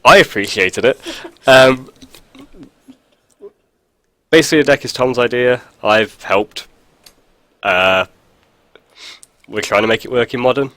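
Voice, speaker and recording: A stuffy-sounding video host with a cold chats casually over a card game, tossing out dry jokes and plenty of fillers. His mid-range voice is bright and forceful, measured and often pausing, in a dry recording.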